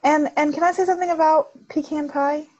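A woman from the American South co-hosts a casual podcast chat, animated and quick to laugh. Her voice sits fairly high. The recording sounds dull and lo-fi. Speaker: podcast co-host.

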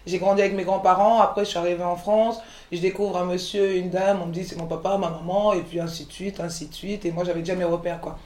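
A woman's voice: on the low side, steady tone, fast talker, darkish tone, reverberant. A woman in her forties, born in the Ivory Coast, talking frankly as an interview guest, full of restarts and fillers. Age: 40s. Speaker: guest, chef and entrepreneur. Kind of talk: candid conversational interview.

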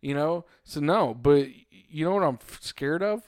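A middle-aged man co-hosting a casual podcast, telling stories in an animated way and calling his friend "bro" and "dude" a lot. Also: on the high side, measured pace, smooth, dry recording, clean studio sound. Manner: animated storytelling, says "bro" and "dude" often. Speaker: podcast co-host. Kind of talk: casual chat.

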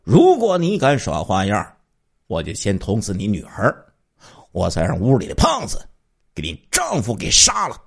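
A man's voice: fairly low pitch, huge pitch swings, moderate pace, vocal fry, slightly rough, exaggerated voice. A man voicing a thin male robber who threatens and curses. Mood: menacing.

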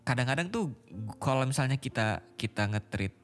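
A man's voice: mid-range voice, animated, normal speed, soft background music. A man, talking casually and reflectively and mixing in English phrases. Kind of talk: casual chat.

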